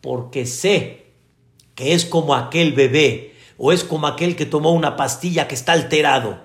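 A man's voice: a little high, moderate pace, fairly bright tone. A man preaching a sermon as a rabbi, telling stories with animation and asking his listeners rhetorical questions. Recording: echoey room.

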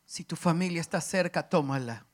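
Impassioned high-voiced male preacher. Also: moderate pace. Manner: impassioned, swinging from loud declarations to hushed emotional speech. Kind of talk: sermon.

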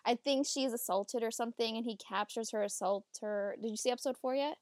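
Woman cohost, dry teasing quips, slightly high voice, dead dry room. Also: brisk, no room sound. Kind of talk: casual chat.

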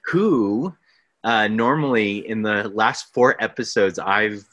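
A man's voice: sits low, bright, forceful tone, no echo. A man hosting a podcast interview, chatty and self-deprecating, laughing often. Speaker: podcast host. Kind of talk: casual interview.

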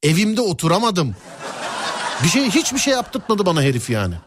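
Animated man hosting a casual show. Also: high-pitched, brisk, background noise. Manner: animated, jokey storytelling. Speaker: host. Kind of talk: casual chat.

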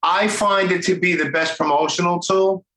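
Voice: medium pitch, steady tone, moderate pace, a bit bright. A podcast host with a Brooklyn accent, chatting casually and off the cuff, informally repeating words and phrases. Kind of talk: casual, off-the-cuff interview chat. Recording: roomy, echoing sound.

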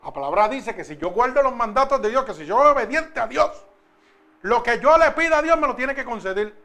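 A man preaching a sermon, talking with the congregation and asking them questions, then slowing down and stressing each word when he reads scripture. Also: extremely high pitch, animated, sharp tone. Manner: slow, emphatic when reading scripture.

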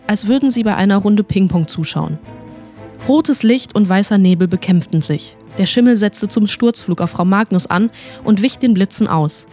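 A woman narrating a humorous fantasy audiobook story in a lively storytelling manner. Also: medium pitch.

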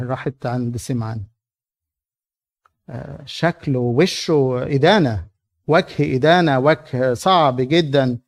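A man's voice: medium pitch, a little mellow. A man with an Egyptian accent coaching actors through a church drama scene, explaining it animatedly. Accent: Egyptian Arabic. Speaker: drama director.

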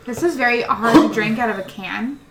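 Sex: woman. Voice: high. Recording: echoey, crowd murmur behind. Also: fairly quick. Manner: exclamatory, swearing, reacting loudly. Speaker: podcast co-host. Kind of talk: casual chat.

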